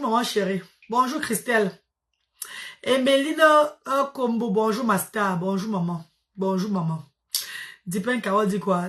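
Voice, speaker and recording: A tired woman hosting a casual live stream, greeting her viewers one by one and fondly calling them mother and sister. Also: mid-range voice. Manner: affectionate, calls viewers maman and sister.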